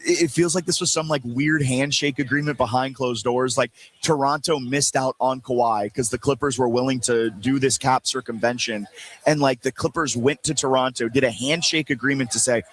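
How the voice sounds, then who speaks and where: A man hosting a sports talk radio show, chatting casually in a playful, animated way, with quick asides and jokes. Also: medium pitch, rough recording. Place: radio show booth at a live event.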